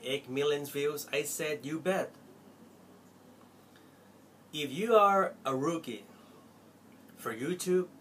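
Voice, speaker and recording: Speaking into the camera from a cramped, cluttered bedroom, a young Apple store salesman from Thailand pleads with heartfelt earnestness in his Thai accent. His voice is mid-range, its loudness rising and falling expressively, with a little noise in the background.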